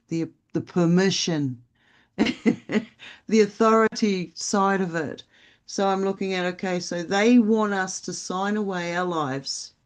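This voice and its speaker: A smooth, medium-pitched voice belongs to a podcast co-host who chats casually about spiritual topics, rambling reflectively with frequent fillers.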